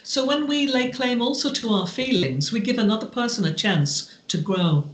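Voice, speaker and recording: Slow, heartfelt woman in a roomy space. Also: a little high, lively intonation. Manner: slow, deliberate, heartfelt delivery. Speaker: podcast guest. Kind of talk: reflective storytelling in conversation. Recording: roomy echo.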